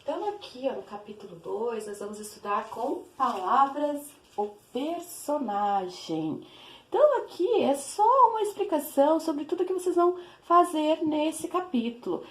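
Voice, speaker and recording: A Brazilian woman teacher talks young children through the lesson in a fond, sing-song manner. Her voice sits fairly high. The room around her rings with echo. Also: big pitch swings, normal speed. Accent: Brazilian Portuguese. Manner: affectionate, sing-song classroom explaining. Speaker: primary school teacher. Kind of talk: online class for young children. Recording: echoey room.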